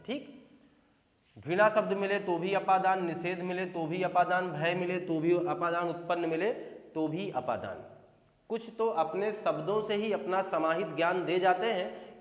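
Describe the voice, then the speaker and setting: A man with a fairly high voice teaches grammar for exam preparation. He repeats example sentences over and over and keeps checking whether his listeners follow. The room is echoey, with a long reverb tail. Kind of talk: exam-prep grammar lesson.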